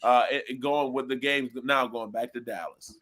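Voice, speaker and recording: A man hosting a live sports talk show in a studio, animated and hyped, with loud exclamations. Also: mid-range voice, moderate pace. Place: small studio.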